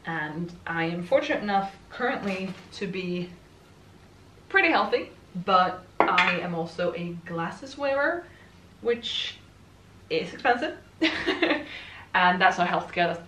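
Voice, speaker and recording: A Swedish book vlogger in her twenties chats in English with a Swedish accent as she assembles furniture in a room at home, laughing between thoughts as she rambles. Her fairly low, fairly bright voice moves a lot in pitch and runs a little slow. She's recorded from a distance in an echoey space with a little hiss or hum.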